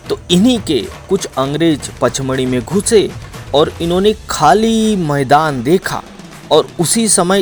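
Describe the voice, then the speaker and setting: A man tells the story of a dangerous trek in a dramatic voice-over, repeating key points for emphasis. His voice sits a little high for a man. Soft music plays under the narration. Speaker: travel vlogger narrating.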